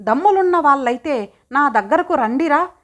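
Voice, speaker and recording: A woman's voice: high-pitched, lively intonation, normal speed. A woman reading an enraged young husband. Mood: defiant. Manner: shouting defiance.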